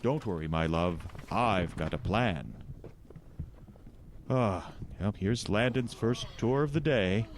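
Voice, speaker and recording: Deep-voiced kindly old Santa Claus. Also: male voice, takes it slowly, slight background noise. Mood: kindly, jolly. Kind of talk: radio comedy drama acting.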